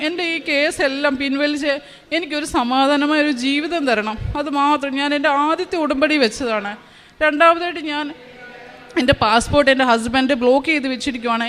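A woman's voice: high-pitched, fairly bright tone. A woman from Kerala giving a personal religious testimony, retelling her prayers in an emotional, pleading way. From Kerala, India.

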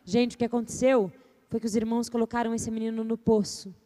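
A woman with a high voice performs a story live for a seminar audience. She talks expressively and playfully, often asking the crowd to raise their hands. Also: steady tone, fairly quick, dark tone. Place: seminar stage before an audience.

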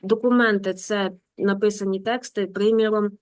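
A woman with a medium-pitched, steady voice teaches German online, slowly reading a story aloud and translating it with quick explanatory asides.

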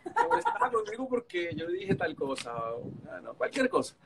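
A man with a Colombian accent, appearing as a guest on a live stream, tells stories animatedly over a video call, imitating other people and laughing. His voice is high-pitched with big swings in pitch, and he talks briskly against some background noise.

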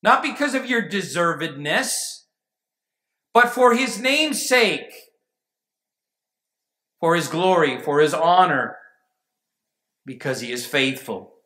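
A man preaching a sermon as pastor, emphatic and rising to near shouts at times. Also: fairly high pitch, lively intonation, slow, pauses often. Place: church sanctuary. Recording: echoey church room.

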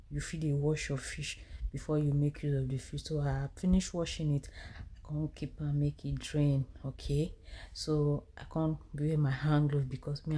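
A woman in her thirties with a Nigerian accent narrates her home cooking in a chatty, animated way, switching easily between English and Pidgin. Her voice sits low and sounds mellow and warm. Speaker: cooking vlogger. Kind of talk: casual voice-over narration of a cooking vlog. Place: home kitchen.

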